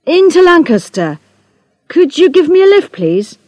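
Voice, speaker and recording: Woman doing a formal, apologetic middle-aged man in a storybook reading; slow, mellow delivery. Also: high voice, big pitch swings, no echo, soft background music, full character voice. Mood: polite. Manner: formal, apologetic, oddly polite. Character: polite, old-fashioned man about forty.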